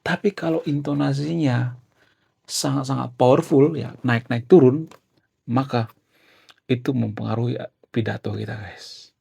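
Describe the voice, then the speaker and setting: A man's voice: mid-range voice, fairly even intonation, unhurried, vocal fry, pauses often, a little mellow, breathy edge. A young man explaining casually in a chatty way, peppering his sentences with fillers. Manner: chatty, filler-heavy, often ends with "ya". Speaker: YouTuber.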